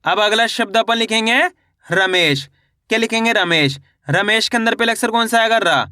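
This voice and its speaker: Man, high bright voice, smooth and crisp, dry close sound, patient syllable-by-syllable teaching. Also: no echo. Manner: sounds out syllables slowly, repeats each word as a question and answer; addresses viewers as friends. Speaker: Hindi reading teacher. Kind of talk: step-by-step spelling lesson.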